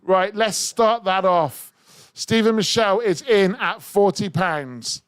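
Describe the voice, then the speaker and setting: A man's voice: high voice, slow pace, clean tone, dry recording. A man hosting a live radio charity auction, energetically urging listeners to bid. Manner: energetic, urging bids, rising excitement. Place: radio studio.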